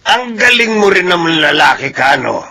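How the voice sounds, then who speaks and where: An actor playing a gravelly, furious old father. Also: high voice, big pitch swings, moderate pace, pushed and bright, heavily acted. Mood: scolding. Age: older. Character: angry older father-in-law, protective and defiant. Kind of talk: radio drama acting.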